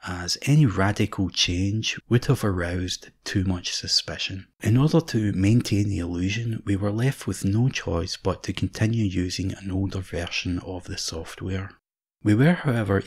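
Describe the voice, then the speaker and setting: Guy with a deep husky voice doing dry deadpan doc-style narration. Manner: measured, deadpan. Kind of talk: scripted deadpan mock-documentary narration.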